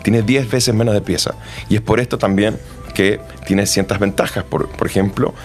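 A man's voice: lowish voice, fairly even intonation, normal speed, soft background music. A man from Argentina with an Argentine accent, a company manager chatting as a guest in an interview, friendly and full of restarts. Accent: Argentine Spanish. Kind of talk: casual interview answers.

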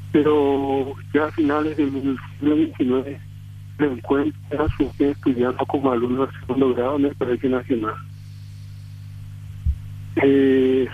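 A man from Paraguay, calling in to a radio show on speakerphone. He speaks in a measured, formal way with some hesitations. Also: mid-range voice, slightly rough. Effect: phone line on speakerphone. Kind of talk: on-air cultural segment and poetry recital. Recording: dry, tinny phone line.

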